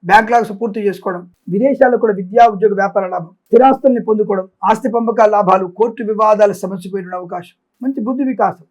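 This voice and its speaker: Fast high-voiced astrologer man. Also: lo-fi sound. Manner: rapid listing of blessings, with sarcastic asides; preachy, moralizing. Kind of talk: weekly horoscope predictions.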